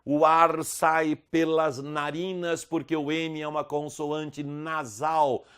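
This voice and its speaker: A Brazilian man teaching an online lesson, slowly spelling out speech sounds with careful, exaggerated articulation. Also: on the high side, level tone, fairly bright tone, clean tone. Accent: Brazilian Portuguese. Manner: slow, over-articulated demonstration of sounds. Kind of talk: video lesson promoting a course.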